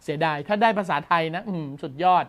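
Excited male tech news host. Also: high voice, fast. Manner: enthusiastic, exclaims often. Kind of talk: casual tech news commentary.

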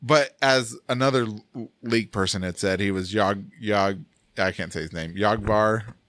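A man's voice: on the low side, unhurried, fairly bright tone, no room sound. Laughing, tongue-tied male podcast host. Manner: laughs often, stumbles over words. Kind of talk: casual chat.

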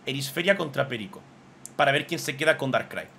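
Man, streamer, excitable, swears a lot, gushing. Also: medium pitch, a little fast, vocal fry, a little hiss or hum. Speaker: streamer reacting to fan drawings. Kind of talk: casual live commentary.

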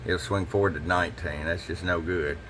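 A low-pitched man talks through a radio tune-up at his repair bench in a relaxed, folksy way. He keeps it casual, like he's talking to a customer. A faint hum sits under his voice. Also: fairly quick. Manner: relaxed, folksy, repeats "hello" into the mic while testing. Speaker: CB radio shop owner and technician. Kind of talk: casual workshop demo talk. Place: radio repair workbench indoors.

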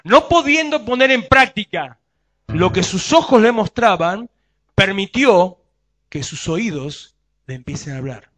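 Male pastor, Rioplatense accent, lively sermon delivery with a bright, forceful tone. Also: sits high, a little slow. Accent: Rioplatense Spanish. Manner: preaching with rhetorical questions to the congregation.

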